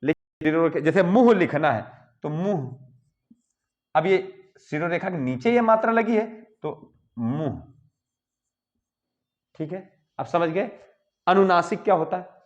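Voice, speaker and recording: On a muffled recording, a man with a high-sitting voice explains Hindi grammar at a board. He goes slowly and step by step, repeating "ठीक है" ("okay") between points to check in.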